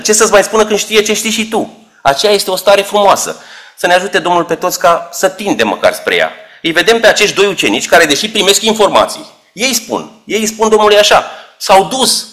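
A man's voice: high-pitched, fairly bright tone. A man preaching a sermon, explaining scripture with rhetorical questions and shifting emphasis.

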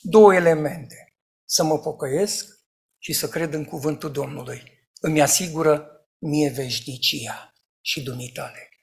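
Emphatic male preacher, loud then hushed. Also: on the high side, gravelly. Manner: emphatic, swinging between loud outcries and hushed asides. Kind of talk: sermon.

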